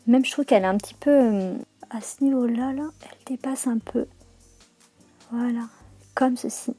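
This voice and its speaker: A woman's voice: fairly high pitch, steady tone, normal speed, mellow, breathy edge, faint music behind. A young woman chatting casually through a makeup tutorial, slangy and full of fillers and self-corrections. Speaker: beauty vlogger.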